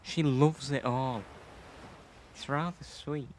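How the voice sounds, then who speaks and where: A young actor playing a sensible, good-natured teenage boy in an audio play, steady and reasonable. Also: mid-range voice, takes it slowly, noisy background, close to an everyday voice. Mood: easygoing. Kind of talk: youth theatre audio play.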